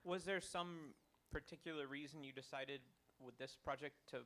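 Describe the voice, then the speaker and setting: A man in the audience asking a developer a halting question, full of likes and ums. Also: a little high, steady tone, sharp tone.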